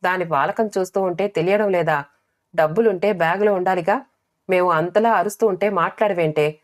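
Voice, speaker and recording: A woman doing a scolding, anxious middle-aged mother for a storybook. She frets over her daughters and her voice sits low but turns shrill and sharp as her temper climbs. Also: a little fast, natural voice. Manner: scolding, shrill when angry.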